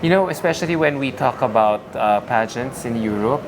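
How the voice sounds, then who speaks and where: A man's voice: mid-range voice, lively intonation, a little fast. A man interviewing a pageant contestant, encouraging her with many affirming fillers. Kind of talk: casual interview. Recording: noisy crowd around. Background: crowd chatter.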